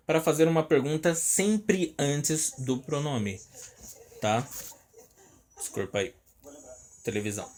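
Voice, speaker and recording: A man's voice: medium pitch, darkish tone. A Brazilian man teaching an online English lesson, repeating each word and checking in often with his students. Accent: Brazilian Portuguese. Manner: explains slowly, repeats words, checks in with "tá?" constantly. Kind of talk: recorded online language lesson.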